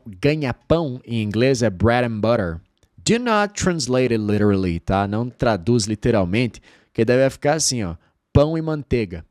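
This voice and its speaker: A Brazilian man teaching English online, drilling phrases slowly word by word with animated emphasis. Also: lowish voice, no room sound, clean studio sound. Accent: Brazilian Portuguese.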